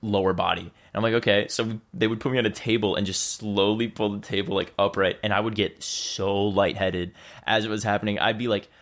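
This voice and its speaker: A man's voice: lowish voice, steady tone, fairly quick, a bit bright. A young man, a podcast guest, telling a personal story in a loose, chatty way and acting out what people said. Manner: loose and chatty, heavy on "like", acts out quoted lines. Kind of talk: casual storytelling conversation.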